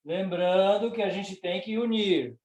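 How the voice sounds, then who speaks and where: A man's voice: high voice, unhurried, darkish tone. A man with a Brazilian Portuguese accent teaching Sanskrit pronunciation, reciting word by word and chanting the verse. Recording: echoey room.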